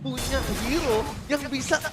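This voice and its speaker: A man with an Indonesian accent giving excited, emphatic play-by-play commentary as an esports caster. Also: very high voice, a little slow, loud music behind the voice.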